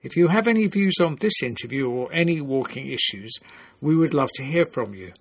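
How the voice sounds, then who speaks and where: A man hosting a podcast, reading a measured, formal closing announcement. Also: medium pitch, expressive, husky, no echo. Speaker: podcast host. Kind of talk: scripted outro narration.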